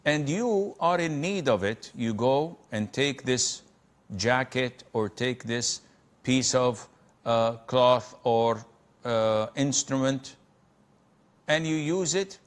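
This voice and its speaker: A man speaking like a preacher, measured and deliberate, as he hosts a religious advice call-in show. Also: mid-range voice. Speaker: host answering callers' religious questions.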